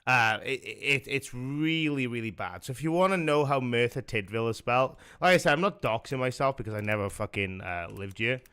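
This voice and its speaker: Hosting a live stream, this young man from South Wales speaks at medium pitch, a little fast, with few pauses. His tone is bright, forceful and clean. The chat is casual and rambling, heavy on swearing, fillers and restarts.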